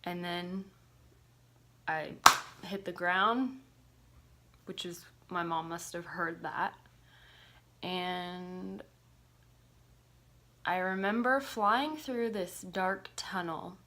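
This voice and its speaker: A woman's voice: fairly low pitch, extremely slow, long pauses, sharp tone. A woman vlogger telling a personal story to camera, in a casual, confessional way with many filler words and casual swearing.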